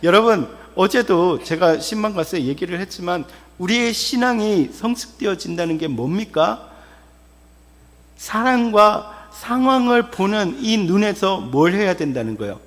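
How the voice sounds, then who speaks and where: Higher-voiced male pastor in an echoing church. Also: expressive, unhurried, fairly bright tone. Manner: emphatic, repetitive, asks the congregation rhetorical questions. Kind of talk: sermon. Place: church sanctuary.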